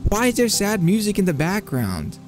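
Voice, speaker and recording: Excitable young man streaming a game. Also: high-pitched, normal speed, over music. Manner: excitable, jumpy, talks to chat. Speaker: gaming streamer. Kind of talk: live gameplay commentary.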